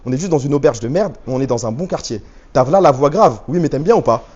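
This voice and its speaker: Fast-talking, slangy male streamer. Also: medium pitch, animated, a little mellow, breathy edge, lo-fi sound. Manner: slangy, joking banter with viewers. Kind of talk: casual live stream chat, reading chat aloud. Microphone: handheld phone rig with stabilizer.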